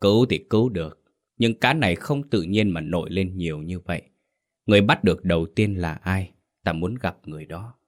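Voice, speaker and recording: A man voicing a stern male exorcist master who speaks gravely and with command in a ghost story. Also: low-pitched, brisk, close to an everyday voice.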